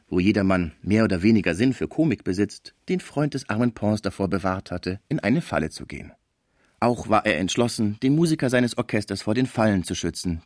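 A man reading a classic novel aloud as scripted narration in an expressive storytelling manner. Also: fairly low pitch, no echo, clean studio sound. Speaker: audiobook reader.

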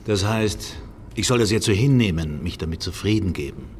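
A man's voice: low voice, lively intonation, moderate pace, darkish tone. A sneering, toying captor in a radio crime play. His voice rises and falls widely as he mocks his prisoner. A long room reverb and faint hiss sit behind him. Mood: mocking. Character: mocking male captor holding a man at a noose.

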